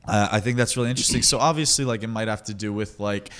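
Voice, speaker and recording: A man's voice: fairly low pitch, rapid-fire, fairly bright tone, clean tone. A man co-hosting a podcast as a coach, talking candidly with many fillers and steering the questions. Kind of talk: casual chat.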